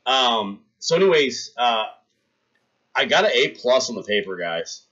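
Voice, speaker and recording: While streaming live, a man in his thirties tells his chat a long, disgusting story, acting it out with animated delivery. The recording sounds muffled, and his mid-range voice moves a little slowly.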